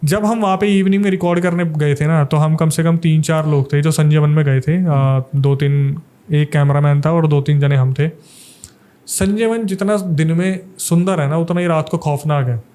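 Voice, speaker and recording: A man's voice: fairly high pitch, moderate pace, warm tone. A young man from Delhi, a paranormal investigator, telling a suspenseful ghost story in a casual podcast interview.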